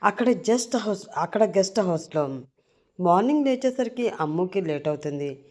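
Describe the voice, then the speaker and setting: A woman storyteller narrating a serialized audio story in a conversational, brisk manner. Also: medium pitch, animated, darkish tone.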